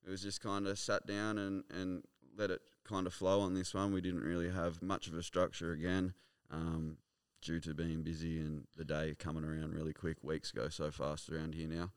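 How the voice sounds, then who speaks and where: A man's voice: deep voice, flat delivery, moderate pace, hardly any pauses, clear, resonant tone. An Australian man co-hosting a casual podcast, chatting in a matey, slangy, sweary way. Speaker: podcast co-host. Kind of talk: casual live podcast chat.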